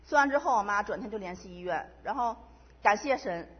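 Middle-aged woman, church testimony, husky fast delivery, dull lo-fi mic in a reverberant hall. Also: mid-range voice, expressive. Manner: emotional, quick storytelling with repetitions. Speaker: church member giving testimony. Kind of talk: personal faith testimony.

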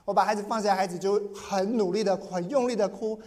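A man's voice: sits high, fairly even intonation, fairly quick, a little mellow. Man preaching in a reverberant hall. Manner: earnest storytelling, often repeating and restarting words. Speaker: pastor. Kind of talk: sermon with personal story.

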